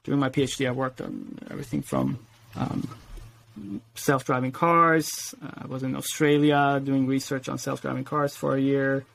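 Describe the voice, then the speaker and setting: Gravelly-voiced man, relaxed and halting. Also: mid-range voice. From Sweden. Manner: relaxed, hesitant with many fillers, laughs easily. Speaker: guest. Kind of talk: casual interview talk.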